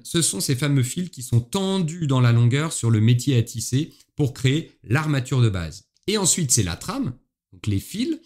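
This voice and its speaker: A man's voice: medium pitch, a little mellow. A man from France hosting a solo history podcast, explaining in a chatty way with playful asides to his listeners. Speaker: podcast host.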